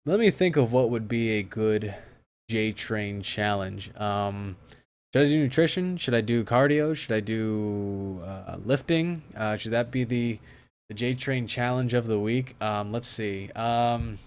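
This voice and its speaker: A young man with a lowish, smooth voice hosts a fitness livestream, chatting casually and unhurriedly with viewers. He rambles with many restarts and fillers, then turns emphatic when setting a challenge.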